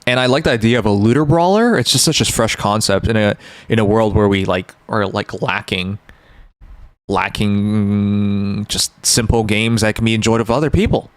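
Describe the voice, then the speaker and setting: A man's voice: fairly low pitch, normal speed, no room sound. Casual male livestreamer, dry close sound. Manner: informal, chatty, joking. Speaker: live streamer, host. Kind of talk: casual livestream chat with viewers.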